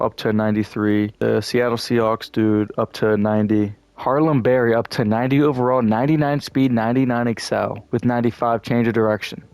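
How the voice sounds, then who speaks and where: A young man giving casual gameplay commentary, frustrated and profane, now and then shouting at the game. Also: mid-range voice, smooth, no room sound. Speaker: gaming YouTuber.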